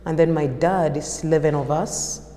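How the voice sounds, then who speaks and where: A woman in her thirties with a Ugandan accent, an artist recalling her life story in a reflective, unscripted interview, pausing and restarting often. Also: low-pitched, steady tone, mellow. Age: 30s. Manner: reflective, with frequent fillers and restarts. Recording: echoey room with long reverb.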